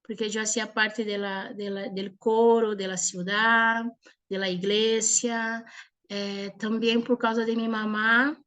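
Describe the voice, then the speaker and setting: A Brazilian woman speaks slowly in Portuñol, blending Portuguese, her native language, with Spanish. She is in her forties and has a medium-pitched voice. Her delivery is that of an informal faith testimony, hesitant and broken by frequent pauses. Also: level tone, fairly bright tone, dull audio. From southern Brazil. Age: 40s. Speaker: speaker giving a personal testimony. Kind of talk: informal religious talk, personal testimony.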